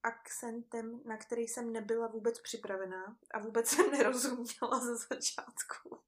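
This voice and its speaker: A woman's voice: a little high, fairly even intonation. Chatty young woman, laughing storyteller. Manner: chatty, laughs often, many fillers. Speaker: guest. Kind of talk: casual storytelling chat.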